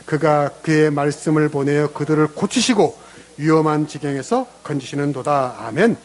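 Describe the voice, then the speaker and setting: A man's voice: a little high, normal speed. A man preaching a sermon as a pastor in a church, acting out prayers and God's replies in different voices. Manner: lively preaching, acts out prayers in character voices. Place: church sanctuary.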